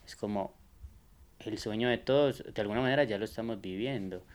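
A man, a musician guest, talking in a relaxed, rambling way with many hesitant fillers. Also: fairly low pitch, a little fast. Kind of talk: casual conversation.

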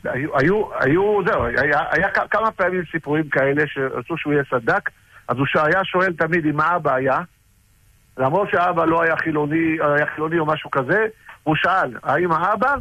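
A middle-aged man casually recounting personal stories about his rabbi, halting with frequent restarts. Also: a little high, sharp tone, dry recording, muffled recording. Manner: halting, with many restarts and fillers. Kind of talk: casual storytelling.

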